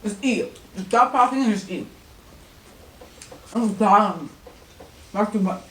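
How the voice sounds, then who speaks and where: A woman's voice: medium pitch, takes it slowly, a bit bright, a little hiss or hum. A woman vlogger chatting casually and teasing her partner during an eating challenge. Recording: echoey room, mic at a distance.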